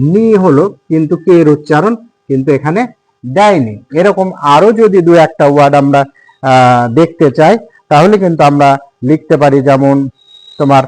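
A man teaching English spelling and silent letters, repeating each word slowly and spelling it out letter by letter, with frequent hesitations. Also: a little high, a little mellow, rough recording. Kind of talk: spelling and pronunciation lesson.

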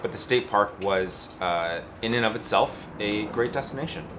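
A man's voice: lowish voice, expressive, normal speed, background noise. A man in his thirties chatting casually as a travel vlogger, seated outdoors by a camper in an easygoing, lightly joking way. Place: outdoors beside a camper trailer.

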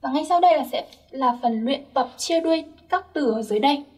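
A woman's voice: high voice, animated, a little fast, a little mellow, distant mic. A young woman teaching Korean grammar step by step, patiently checking that her listeners follow. Her first language is Vietnamese.

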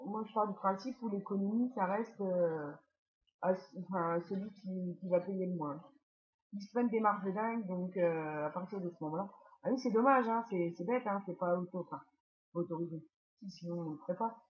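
A woman's voice: a little high, highs cut off. A woman hosting a casual tutorial, chatty and full of fillers and asides. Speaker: YouTube tutorial host. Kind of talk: casual screen-walkthrough tutorial.

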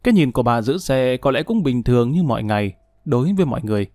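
A man narrating an audiobook in a steady storytelling manner. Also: medium pitch, quick pace, no echo, clean studio sound. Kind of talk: dramatic audiobook reading.

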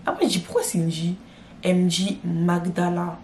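A woman's voice: lowish voice, measured pace, slight background noise. A young woman vlogger retelling a drama in a casual, slangy storytime, talking straight to her viewers. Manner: slangy, addresses viewers directly, animated retelling. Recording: roomy echo.

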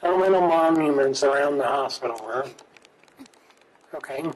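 A man's voice: mid-range voice, moderate pace, poor audio. A man playing a video game on stream, chatting casually, reading in-game text aloud and chuckling often. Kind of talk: casual gameplay commentary.

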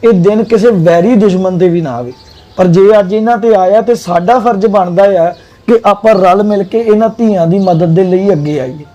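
Soft-spoken man gently comforting a child. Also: sits high, moderate pace. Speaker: charity worker interviewing a child. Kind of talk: gentle questioning.

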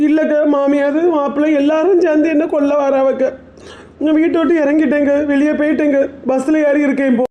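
A woman's voice: high voice, flat delivery, a little fast, roomy sound, highs cut off, pitched below the performer's own voice, natural voice. A woman doing a sulky young sister-in-law on the phone. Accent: Kanyakumari Tamil. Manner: sulky, dramatic.

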